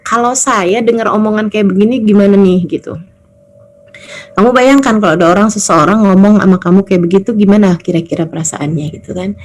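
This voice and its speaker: A middle-aged woman preacher giving a casual sermon, chatty and animated, acting out quoted voices. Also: mid-range voice, slight background noise, poor audio. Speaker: Islamic preacher.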